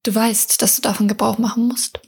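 A woman reading the lines of a cocky male assassin in a storybook, dry and mocking, with a breathy voice. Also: fairly high pitch, little pitch movement, a little fast, darkish tone, full character voice. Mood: teasing.

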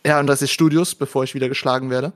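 A man's voice: mid-range voice, fairly even intonation, rapid-fire, a bit bright. A man moderating a panel and presenting casually, with a joking, self-deprecating manner.

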